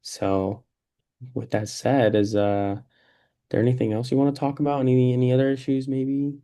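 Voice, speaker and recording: A man's voice: medium pitch, little pitch movement, normal speed, mellow, clear, resonant tone. A man acting as a peer mentor in a faith-based mentoring conversation, talking in an easygoing, encouraging way with many fillers. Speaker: peer mentor in a practice session.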